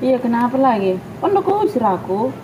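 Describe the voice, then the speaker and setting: An actress playing a sharp-tongued housewife with a Batak accent who argues back loudly and indignantly. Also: female voice, fairly high pitch, very animated, a little fast, background noise. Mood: reproachful. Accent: Batak Indonesian. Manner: loud, retorting, indignant. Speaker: wife and mother. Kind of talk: amateur family drama acting.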